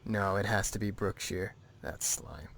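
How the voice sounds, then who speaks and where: A man's voice: deep voice, a little slow, vocal fry, fairly bright tone, a little hiss or hum, heavily acted. An actor playing a bitter, hunted man, a former spy technician who talks in a resentful, suspicious way. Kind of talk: video game dialogue.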